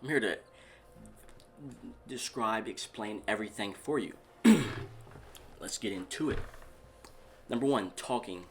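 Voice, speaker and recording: A man's voice: fairly low pitch, natural voice. A man playing a boastful self-proclaimed relationship doctor in a comedy sketch, rambling and repeating himself. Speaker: comedic YouTube host in character.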